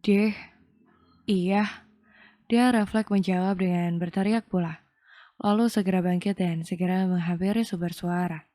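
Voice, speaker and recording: A woman reading an audio romance novel in a calm, measured storytelling voice. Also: lowish voice. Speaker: narrator. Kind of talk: scripted audio novel narration.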